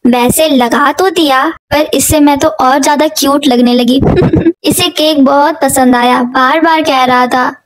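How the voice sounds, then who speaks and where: A young woman with a notably high voice tells her vlog in a casual voice-over. She is chatty and doting and keeps turning to her viewers as she talks. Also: steady tone, unhurried, low-quality recording. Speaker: vlogger, aunt narrating a child's birthday.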